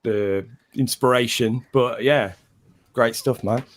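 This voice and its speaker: Halting man with a mid-pitched voice. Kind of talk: casual chat.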